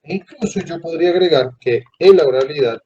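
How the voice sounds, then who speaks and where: A male teacher giving a classroom lecture, who asks the students questions and pauses mid-phrase. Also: fairly high pitch, warm tone, slightly rough. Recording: dull lo-fi classroom recording.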